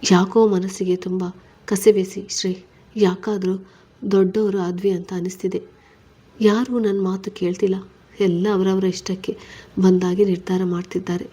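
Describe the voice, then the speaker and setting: A woman's voice: mid-range voice, level tone, normal speed, warm tone, slightly rough, close to an everyday voice. A woman reading a story, voicing a stubborn but tender young husband who is weary and troubled.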